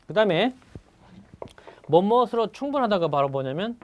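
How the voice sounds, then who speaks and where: A man giving an exam-prep vocabulary lecture in a voice pitched a little high. His delivery is animated and rises and falls a lot. He keeps asking his students questions and repeats each key word. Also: moderate pace. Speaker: English vocabulary teacher.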